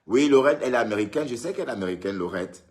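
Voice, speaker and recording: A man's voice: on the low side, expressive, very fast. Chatty man, teasing live viewers. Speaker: livestream host. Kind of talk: casual live stream chat, answering viewers' comments. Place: indoors, at home in Europe.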